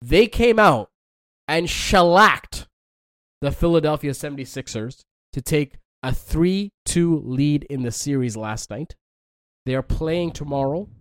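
A man hosting a casual sports talk show, energetic and hyping up his questions to the panel. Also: on the high side, no room sound. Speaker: show host.

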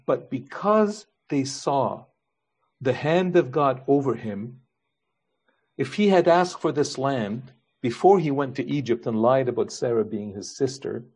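A man's voice: medium pitch, a little mellow, breathy edge. A man preaching a sermon as pastor, earnest, building his points with repeated rhetorical questions.

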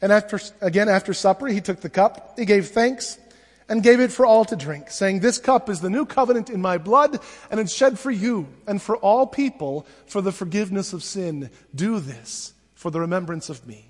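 A male pastor leading liturgical prayers at a pulpit microphone in a church, reading in a measured, solemn way. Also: sits high. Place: church sanctuary. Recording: long church reverb.

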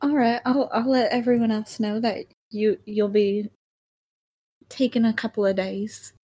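Gentle woman role-playing a kind character. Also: fairly high pitch, steady tone, unhurried. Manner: soft, kind, reassuring. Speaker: player. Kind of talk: playing a tabletop game in character.

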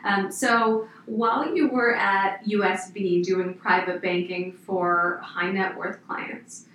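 A woman's voice: mid-range voice, level tone, takes it slowly, a bit bright, recorded from a distance, slight background noise. Upbeat woman hosting a podcast, echoey room. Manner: upbeat, chatty, with fillers. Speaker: podcast host, plastic surgeon. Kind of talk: podcast interview. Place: office.

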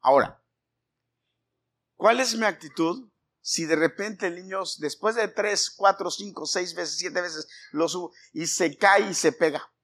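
A pastor with a high-pitched, slightly bright voice speaks a little slowly in a conversational church sermon. He questions members of his congregation by name and acts out scolding dialogues with shifting voices.

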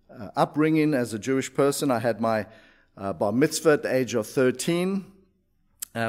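A man giving a personal testimony, reflective and measured, with frequent hesitations. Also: medium pitch. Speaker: speaker sharing his faith story.

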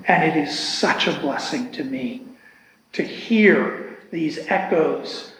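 A man leading a church Bible class discussion, speaking in a slow, earnest and reflective way. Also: on the high side, a bit bright, a little hiss or hum. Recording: echoey hall with long reverb.

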